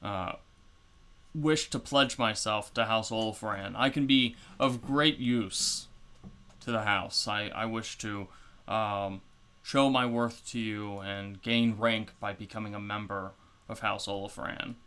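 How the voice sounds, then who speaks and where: A man voicing a flustered young male swordsman who speaks in a nervous, halting, earnest way. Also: fairly low pitch, steady tone, fairly bright tone, clean tone.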